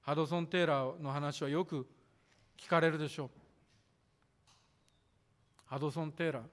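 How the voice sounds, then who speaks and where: A man preaching a sermon as pastor, measured and formal, drawing out the ends of his sentences. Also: on the high side, fairly even intonation. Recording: echoey hall reverb.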